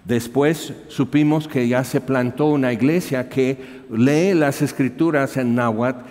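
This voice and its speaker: A man's voice: medium pitch, unhurried, a little mellow. A man, preaching as a missionary and animatedly telling a story from his work. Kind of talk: storytelling sermon. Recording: reverberant hall.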